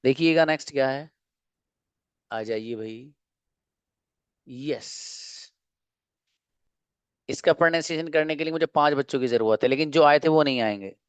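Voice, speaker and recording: A man teaching an online English class, explaining slowly and asking and answering his own questions. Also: on the high side, smooth, no echo.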